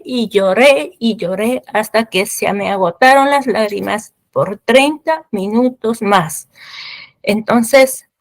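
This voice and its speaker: Slow, halting woman giving testimony. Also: on the high side, no echo. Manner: halting, repeats words, fervent prayerful tone. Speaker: testimony speaker. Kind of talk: personal faith testimony.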